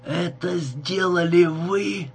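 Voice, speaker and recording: A man reading an audiobook, voicing a stabbed young man who begs for help in a hoarse, choked voice with slow, gasping words. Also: high-pitched, voice pushed up, exaggerated voice. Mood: stunned.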